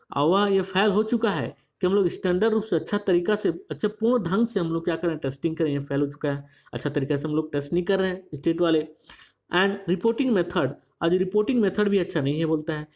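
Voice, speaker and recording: A teacher, reading newspaper lines slowly and explaining each phrase at length, with many repeats. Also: mid-range voice, darkish tone. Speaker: English teacher. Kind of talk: bilingual newspaper reading lesson.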